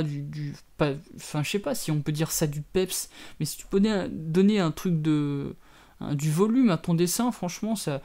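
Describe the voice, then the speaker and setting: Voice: mid-range voice, darkish tone, clear, resonant tone. A speaker giving a casual drawing tutorial voice-over, rambling and self-mocking with many hesitations and playful mock TV-host asides.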